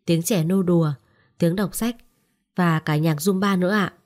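A deferential young household maid from an audio story, polite and cheerful in her replies, as a woman narrator reads her. The voice stays low and gentle. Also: normal speed, lightly acted.

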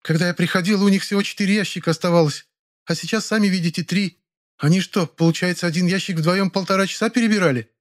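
A stern, indignant office woman from a storybook, pitched well up and snapping out her words, as a male narrator puts her on. She scolds sharply and speaks with clipped severity. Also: fast talker, lightly acted. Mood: defensive. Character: strict scolding middle-aged office woman.

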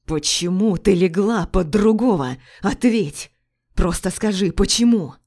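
A woman's voice: on the low side, fairly even intonation, moderate pace, a little mellow, close to an everyday voice. A woman reading the part of an angry, jealous husband who harshly accuses his wife. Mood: furious. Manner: demanding, raw, accusing.

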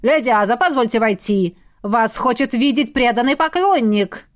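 A woman's voice: on the high side, lively intonation, normal speed, lightly acted. A woman voicing a pushy, commanding male suitor who orders people aside. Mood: bossy. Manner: loud, commanding.

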